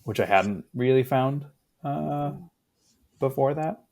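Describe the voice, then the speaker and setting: A man in his thirties, a guest in a casual conversation, talking in a reflective, unhurried way with fillers. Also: medium pitch, creaky, darkish tone.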